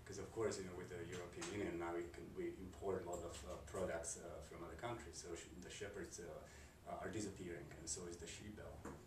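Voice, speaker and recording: Deep-voiced man with Slovak accent. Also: steady tone. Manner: halting, full of fillers and restarts. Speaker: composer and curator. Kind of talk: interview answers. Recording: roomy, distant mic, noisy background.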